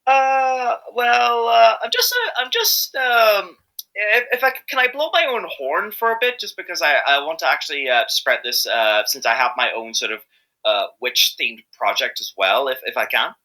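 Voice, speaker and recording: The Irish-accented guest in this interview is an amateur fandub voice actor who rambles and hesitates yet stays enthusiastic in casual conversation. His voice sits high with a sharp tone, very animated at a normal speed, and the audio is poor.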